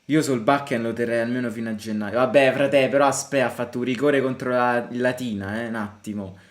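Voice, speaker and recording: A young Italian man hosts a live football watchalong for his fan channel, chatting casually and fielding viewer questions. His mid-range voice moves fast and erupts into excited reactions to the play.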